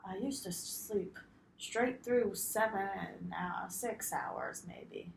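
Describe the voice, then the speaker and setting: A woman's voice: medium pitch, drawn-out words, creaky, heavily acted. A young woman playing a laid-back retired male farmer as a patient in a mock intake role-play, giving short, joking answers. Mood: easygoing. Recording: echoey room, faint noise.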